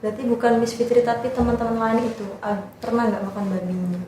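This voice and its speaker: A woman's voice: a little high, fairly even intonation, fast talker, warm tone. A young woman hosting a casual podcast interview, asking short questions and repeating answers back. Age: young adult. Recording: distant, very echoey room with faint noise.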